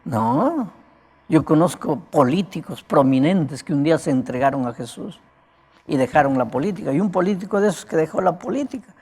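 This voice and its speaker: A male evangelist preaching a sermon in a cracked, broken voice, talking conversationally and often turning to his listeners with a quick "right?". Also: fairly high pitch, animated, darkish tone, husky. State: prone to coughing.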